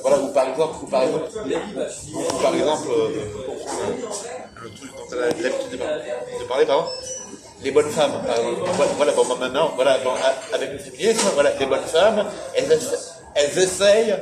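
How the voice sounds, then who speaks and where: A man in a casual French discussion, speaking haltingly and repeating words again and again as he searches for his point. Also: mid-range voice, over a noisy crowd. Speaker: debate participant. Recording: echoey room with loud music behind. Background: loud background music.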